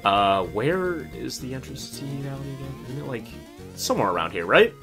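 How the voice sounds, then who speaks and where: A man's voice: mid-range voice, very animated, fairly quick, music in the background. A young man giving casual, rambling game commentary in an informal manner. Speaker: gaming host.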